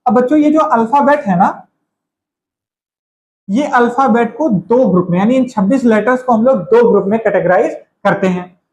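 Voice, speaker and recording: A man's voice: very high-pitched, moderate pace. A man teaching a grammar lesson, calling his students kids, repeating each point and quizzing them. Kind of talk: classroom lecture. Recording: echoey room.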